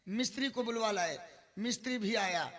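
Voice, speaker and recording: High-voiced Bhojpuri folk balladeer. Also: male voice, normal speed, fairly bright tone. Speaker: folk singer and storyteller. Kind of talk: Birha folk ballad, sung verses with spoken narration. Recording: echoey studio mix with instrumental music behind. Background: folk instrumental accompaniment.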